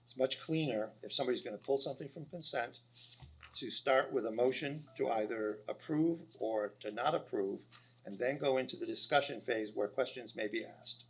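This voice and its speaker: A man's voice: medium pitch, normal speed, husky. A man chairing a city council session in the chamber, firm and formal as he sets procedure.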